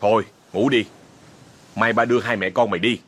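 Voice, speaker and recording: Gruff irritable father, put on by a man, grumbling scolds. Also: lowish voice, steady tone, a little fast, a bit bright.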